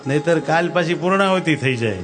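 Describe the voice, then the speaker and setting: With music playing underneath, this sadhu of the Swaminarayan tradition tells folksy stories in his katha sermon, acting out the dialogue amid sung verses and anecdotes. His voice is fairly high, animated and fairly quick.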